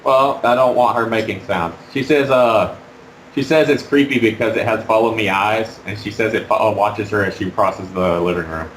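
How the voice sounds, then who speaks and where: Low-voiced guy rambling about fursuits, lots of uhs, echoey room with faint noise. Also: fairly bright tone. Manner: rambling, halting, many fillers. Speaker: interviewee, fursuiter. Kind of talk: casual interview. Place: inside a fursuit head.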